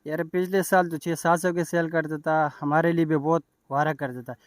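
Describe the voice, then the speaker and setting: A man with a Pakistani accent talks at length from his clothing stall, explaining how things have changed. His voice sits a little high, recorded dry and close. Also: little pitch movement, moderate pace, dry recording. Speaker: jacket stall owner. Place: outdoor street market.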